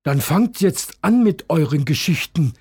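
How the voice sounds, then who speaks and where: A man's voice: fairly high pitch, lively intonation, measured pace, darkish tone, breathy edge, pitched above the performer's own voice, exaggerated voice. A man voicing a patient, good-humoured merman father who is used to the same bedtime fuss every evening.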